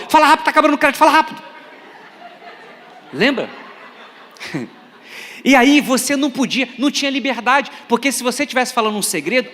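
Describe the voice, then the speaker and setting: Fast-talking Brazilian pastor in a hall. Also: male voice, extremely high pitch. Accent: Brazilian Portuguese. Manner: animated, joking, acts out voices in anecdotes. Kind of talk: humorous sermon storytelling. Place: large church hall. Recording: echoey church hall with long reverb.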